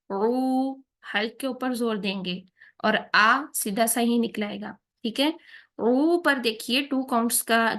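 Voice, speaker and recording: A patient woman with a slightly high, fairly bright voice gives a tajweed lesson, reciting slow Quran examples. She explains each pronunciation point step by step and keeps checking that her learners follow.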